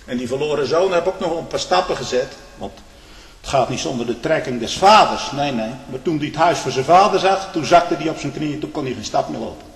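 A man preaching a fiery sermon, swinging between loud declamation and low, confiding asides, often prodding his listeners with "hm?". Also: lively intonation, fairly quick. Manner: frequent questioning "hm?" to the congregation. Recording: echoey church hall, long reverb.

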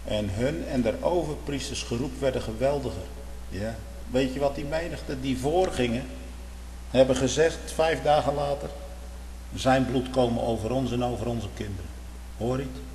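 Preaching in a church, a fervent man rolls through his sermon in a cadenced rhythm, lobbing rhetorical questions and shifting from booming outbursts to quiet murmurs at a moderate pace. The big hall gives his voice a long, echoing reverb, with a faint hum in the background.

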